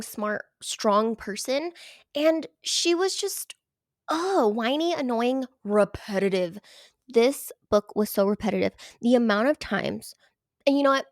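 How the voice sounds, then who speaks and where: Animated, emphatic woman reviewing books. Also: on the high side, no room sound, clean studio sound. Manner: animated and emphatic, dips into whispers. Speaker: book reviewer. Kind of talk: casual chat.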